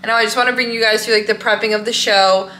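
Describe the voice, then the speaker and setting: A woman's voice: on the high side, steady tone, quick pace, pushed and bright, slight background noise. A young woman chatting casually as a fitness vlogger, talking to a handheld camera on a stick in a bubbly, chatty way. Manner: bubbly, chatty, says "super" and "literally" a lot. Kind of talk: casual vlog.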